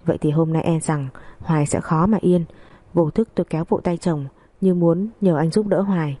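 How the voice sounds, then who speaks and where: A woman narrating a family drama in the first person, in a steady, gossipy storytelling manner. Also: low-pitched, brisk.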